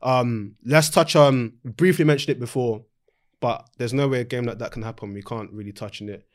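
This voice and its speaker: A man's voice: mid-range voice, brisk. London guy hosting a footy panel chat, slangy, keeps repeating himself to make his point. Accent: London, urban slang. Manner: slangy, insistent, repeats phrases. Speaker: football podcast host. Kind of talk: casual panel discussion.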